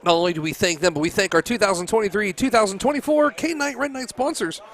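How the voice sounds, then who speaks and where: A man commenting on a local high school football game in a chatty way, often laughing as he talks. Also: fast talker, a bit bright. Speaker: sports commentator.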